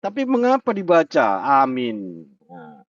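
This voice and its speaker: A man teaching recitation, slowly repeating sounds and patiently correcting pronunciation. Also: mid-range voice, wildly swooping pitch, no echo. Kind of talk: pronunciation lesson. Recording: muffled, distant from the mic, dry.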